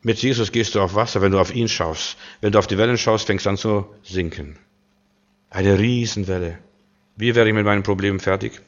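A man's voice: fairly low pitch, fairly even intonation, fairly quick, lo-fi sound. Man preaching with strong swings in volume. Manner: emphatic, swinging from loud declarations to quiet asides, many rhetorical questions. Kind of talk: sermon.

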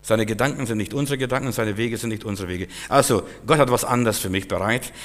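A man preaching a sermon with fervent, repetitive phrasing that climbs to loud, emphatic peaks. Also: fairly low pitch, fast talker. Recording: long hall reverb.

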